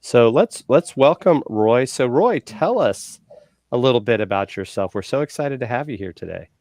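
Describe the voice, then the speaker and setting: A man in his forties co-hosting a casual online show, chatty and upbeat, giving shout-outs with lots of fillers. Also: mid-range voice, expressive, moderate pace, no room sound, studio quality. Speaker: co-host.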